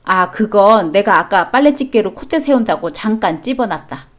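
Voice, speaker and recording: A woman's voice: medium pitch, lively intonation, normal speed, natural voice. A woman voicing a stubborn grandfather in a storybook chat drama, speaking in an offhand, dismissive way. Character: meddling grandfather, careless and stubborn.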